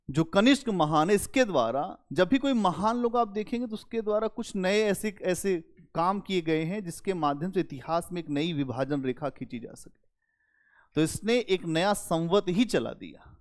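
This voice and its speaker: A male history teacher giving a lively, conversational classroom lecture and talking straight to his students. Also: on the high side. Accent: Hindi-speaking North Indian. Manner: animated, conversational, addresses students directly.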